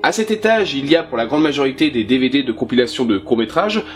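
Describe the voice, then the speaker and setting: A man's voice: mid-range voice, animated, fast, faint music behind. A man chatting casually and with enthusiasm as he shows his film collection, with a few fillers. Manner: self-conscious about his English pronunciation. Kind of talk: casual presentation.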